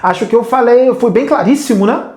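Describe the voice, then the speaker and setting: A man's voice: extremely high pitch, a little fast, a little mellow, reverberant. Blunt scolding Brazilian man. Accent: Brazilian Portuguese. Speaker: spiritual medium. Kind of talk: spiritual lecture.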